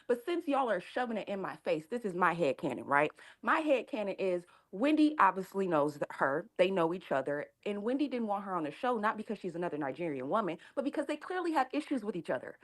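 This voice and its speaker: A woman's voice: medium pitch, sing-song, fast talker, few pauses. A woman calling in with sassy, dramatic opinions and teasing asides. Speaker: caller. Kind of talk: call-in opinion.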